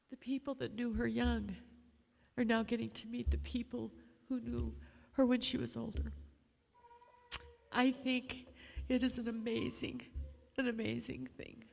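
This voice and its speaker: A middle-aged woman with an English accent gives an informal memorial tribute as a bereaved mother, haltingly and repeating her phrases. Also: on the high side, creaky, darkish tone. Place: large echoey room at a gathering. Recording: echoey hall with long reverb.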